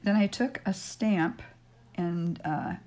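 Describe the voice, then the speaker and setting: Recorded on a stationary camera mic, this older woman's raspy voice is mid-range and dark-toned, and she speaks slowly. She hosts a casual polymer clay tutorial from her home craft room, chatting and thinking aloud with frequent ums as she works.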